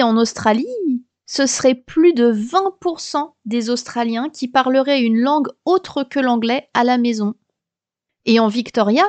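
A woman's voice: high voice, darkish tone, no echo. A woman podcast host from France, in her thirties or forties, explaining things in a chatty, lightly humorous scripted monologue.

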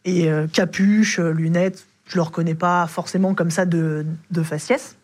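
This rideshare driver has a high-sitting voice with fairly even intonation and a moderate pace. He rambles casually through stories from his rides, packing them with slang and fillers.

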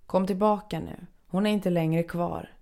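A woman voicing a brisk, lightly mocking middle-aged female asylum nurse in a spoken horror story. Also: lowish voice, fairly even intonation, dark tone, natural voice. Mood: teasing.

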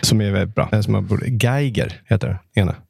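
A man's voice: lowish voice, creaky, darkish tone, slightly rough, no room sound, studio quality. A man chatting casually as podcast co-host, rambling loosely with lots of hesitant fillers and free swearing. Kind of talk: casual chat.

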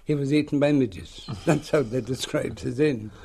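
An elderly man with a rural western Irish accent tells a tale aloud in a lilting, unhurried storyteller's way. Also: medium pitch, creaky, mellow, husky. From rural west of Ireland. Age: older, seventies or above. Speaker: local folklore teller. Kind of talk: oral storytelling in an interview.

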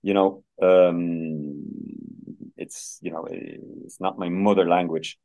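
A man from Dublin with a Dublin Irish accent chats as a guest in a casual interview, his deep, gravelly, warm voice moving slowly with fairly even intonation. He rambles, restarting often and saying "you know" a lot.

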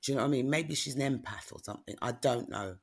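A middle-aged woman, appearing as a guest author, shares a personal story in a relaxed, candid, plain-spoken conversation. Her gravelly, slightly husky voice sits extremely low and moves very fast, and she keeps asking "do you know what I mean?"

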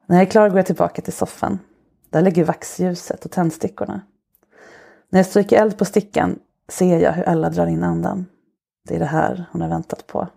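A woman narrates an adult short story for her podcast, her low voice heavy with gravelly fry. She reads slowly and softly, with an intimate hush, and her tone stays dark and mellow throughout. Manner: slow, soft, intimate storytelling. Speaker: podcast host.

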